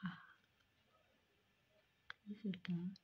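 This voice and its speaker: A woman vlogger talking haltingly with her fingers in her mouth, fitting a retainer and working through discomfort. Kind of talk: casual video demonstration. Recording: dull lo-fi audio.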